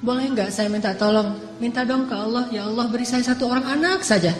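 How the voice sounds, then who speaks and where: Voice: medium pitch, fast, lightly acted. A woman voicing an elderly, childless grandmother who keeps pleading for a child. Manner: pleading, persistent. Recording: echoey hall, faint music.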